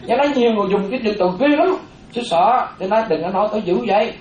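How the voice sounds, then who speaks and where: A Buddhist monastic woman, giving a lively dharma talk and often asking the audience questions. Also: medium pitch, rapid-fire, slight background noise. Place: hall with a seated audience. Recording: roomy, dull sound with faint audience.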